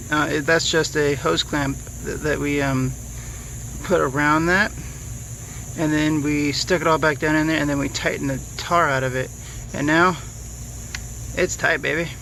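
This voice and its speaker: A man's voice: fairly high pitch, a bit bright, slight background noise, poor audio. A man casually walking viewers through a car repair outdoors, easygoing and hesitant, full of fillers. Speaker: DIY car repair vlogger. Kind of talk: casual how-to walkthrough.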